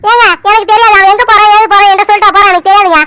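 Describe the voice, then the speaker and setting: A defensive middle-aged wife from a cartoon serial voiced by a woman pleads in a piercing, high, bright voice. She rushes through her worried questions at a breathless clip. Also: fairly even intonation, dry recording. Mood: anxious.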